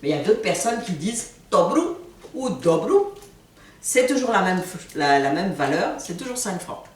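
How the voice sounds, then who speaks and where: A person from Ivory Coast teaching a language in a casual video lesson, slowly repeating words to show how they are said. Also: mid-range voice, very animated, far from the mic. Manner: slow, repeats words for pronunciation. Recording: echoey room, voice from off-mic.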